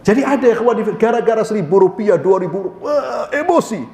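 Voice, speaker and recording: A man's voice: sits high, fast, dark tone. A man preaching a mosque sermon, asking and answering his own questions and addressing his listeners as "Pak". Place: mosque hall. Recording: echoey mosque hall with long reverb.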